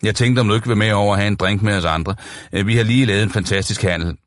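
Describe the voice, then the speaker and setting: Guy doing a big cheerful pushy flirt, deep voice, breezy. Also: steady tone, no echo, studio quality, close to an everyday voice.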